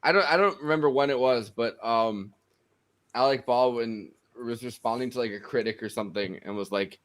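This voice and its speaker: Animated profane male podcast guest. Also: medium pitch, normal speed. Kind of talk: casual chat.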